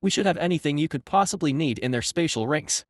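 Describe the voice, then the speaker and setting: A man voicing a composed young woman cultivator who speaks in a monotone. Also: on the high side, quick pace, dry recording, studio quality. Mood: calm.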